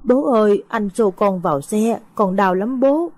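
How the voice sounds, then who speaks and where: A woman's voice: mid-range voice, animated, a little slow, a little mellow, voice pushed up. A woman voicing the ghost of a small boy who died, speaking in a tearful, pleading child's voice in an audio story. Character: dead little boy's ghost, grieving and pleading.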